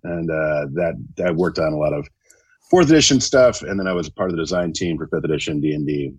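A man's voice: extremely low pitch, animated, fairly quick, slightly rough, no room sound. A man speaking as a podcast guest in casual interview chat, wry and self-deprecating. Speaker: podcast guest, game designer.

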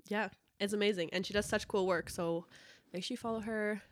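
A woman's voice: mid-range voice, fairly even intonation, fairly quick, a little hiss or hum. A young woman hosting a podcast interview in casual, giggly, informal chat. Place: studio, in person.

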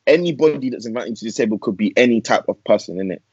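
A man's voice: mid-range voice, animated, quick pace, slightly rough. A young man with an urban London roadman accent, arguing casually and emphatically, repeating himself and leaning on street slang. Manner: emphatic, repetitive, slang-heavy. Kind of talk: heated casual group debate. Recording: echoey, muffled lo-fi room sound.

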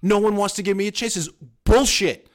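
This podcast co-host, a man in his 30s on a laid-back sports talk show, has a voice that sits high and moves fairly quickly. His delivery is emphatic and wry, with frequent mock quotes.

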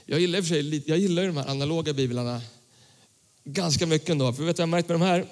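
A young male pastor preaching a casual sermon, reading scripture and talking in a relaxed, slangy way to his congregation. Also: on the high side. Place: church hall. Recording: church hall with long reverb.

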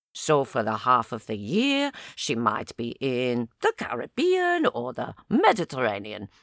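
A woman's voice: fairly low pitch, no echo, studio quality, voice pushed up, heavily acted. A woman voicing a boastful man with an extravagant English accent who shows off a luxury research boat in an audio drama. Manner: extravagant, salesy and self-satisfied. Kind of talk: audio drama narration with character voices.

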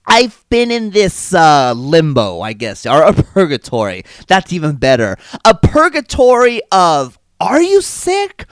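Brief: male solo podcaster, sarcastic rambler, lively up-and-down delivery, dry close sound, a touch stuffy from a cold. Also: fairly high pitch, a little slow, few pauses, clean tone, dry recording. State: still slightly stuffy from a cold. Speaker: podcast host. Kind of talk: casual solo podcast monologue.

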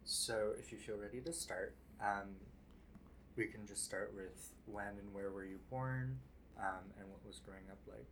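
A man conducting an oral history interview, introducing it and asking gentle questions. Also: lowish voice, fairly even intonation, moderate pace, slight background noise, poor audio. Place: library office.

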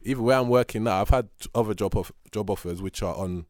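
A young man with a deep voice and a London roadman accent, recorded close and dry. He chats in loose street slang like a podcast co-host bantering with a friend. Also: fast, a little mellow, no echo. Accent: London, urban roadman. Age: young adult. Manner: slangy, bantering, addressing listener as bro. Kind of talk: casual podcast chat.

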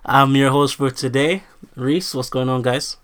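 A man's voice: medium pitch, steady tone, unhurried, a bit bright. A man hosting a film podcast in a casual, chatty way. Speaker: podcast host.

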